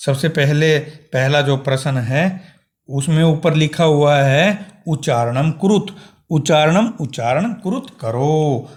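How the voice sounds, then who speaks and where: A man's voice: a little high, a little mellow. A man teaching a language lesson, explaining words one by one and spelling them out syllable by syllable. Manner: slow and deliberate, spelling words out letter by letter.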